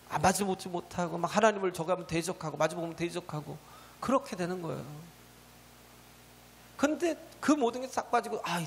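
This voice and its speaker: A man preaching a sermon with a high-pitched voice that carries a long church-hall reverb. He keeps turning to the congregation with rhetorical questions and quick prompts for a response. Now and then he calls out a hallelujah. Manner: punctuates with shouted hallelujahs. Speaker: pastor. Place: church sanctuary.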